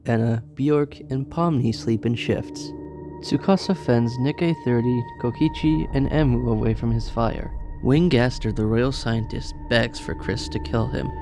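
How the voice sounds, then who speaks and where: A man giving a hammy, theatrical dramatic reading as narrator of survival-game events. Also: medium pitch. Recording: music under the voice. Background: background music.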